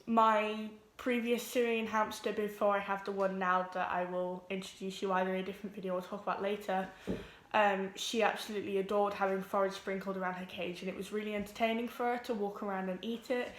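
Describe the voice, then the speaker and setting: A teenage girl talks to her camera at home. She sounds nervous, rushes along and fills gaps with ums. Her voice sits in a middle pitch, and the room around her is echoey. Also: fairly even intonation, slight background noise. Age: teens. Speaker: vlogger. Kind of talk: casual vlog introduction.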